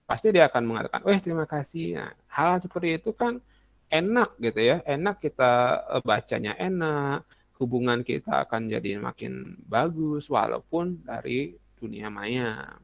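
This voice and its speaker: Male teacher, gravelly voice, dry close sound, casual lesson with lots of examples. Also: mid-range voice, lively intonation, moderate pace, dry recording. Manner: chatty, uses many examples and acts out student messages.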